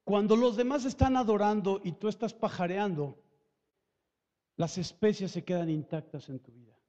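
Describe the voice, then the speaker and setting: A man preaches from a church hall, his high-pitched voice carried by a long reverb. He is emphatic and animated, breaking into joking asides and stumbling over repeated words. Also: normal speed, dull audio. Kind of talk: lively sermon.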